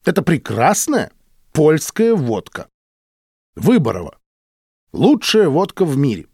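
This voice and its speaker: A man's voice: mid-range voice, huge pitch swings, unhurried, a little mellow, no echo, studio quality, full character voice. A male narrator voicing a touchy, argumentative old doctor who speaks indignantly and insistently.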